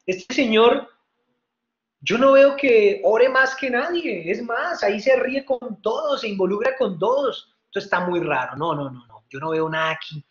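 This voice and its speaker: A man's voice: high voice, expressive, unhurried. A male preacher voicing a respected old rabbi who mutters his doubts to himself, in a roomy hall with dull sound. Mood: suspicious. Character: puzzled, suspicious old rabbi, a respected teacher.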